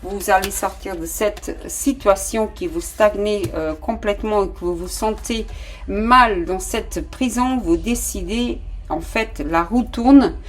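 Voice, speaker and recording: At a slow pace and medium pitch, a non-native French-speaking woman does a relaxed tarot reading. She talks directly to viewers, often restarting and using fillers.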